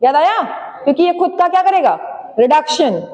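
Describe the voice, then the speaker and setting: A woman with an extremely high, animated voice and a darkish tone teaches a chemistry class, quizzing students, answering her own questions and dictating key points. She urges them to write fast and slowly spells out key terms as she dictates notes. The audio is dull, with a long hall reverb.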